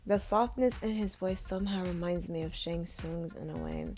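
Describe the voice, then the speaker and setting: A woman's voice: lowish voice, moderate pace, loud music behind the voice. A woman vlogger chatting casually in a playful, profane, gushing way. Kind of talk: casual chat.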